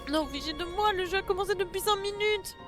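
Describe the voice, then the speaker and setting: A high-voiced woman with a French accent reacts to a game on a live stream, tearful and emotional. She exclaims and repeats herself over and over. Soft game music plays faintly behind her. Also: fast.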